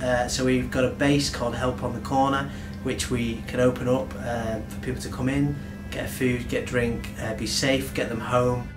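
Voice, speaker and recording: A man's voice: mid-range voice, flat delivery, moderate pace, hardly any pauses, echoey room, music in the background. A man who coordinates street pastors, explaining his work in a friendly way. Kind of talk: documentary interview. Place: storeroom, indoors.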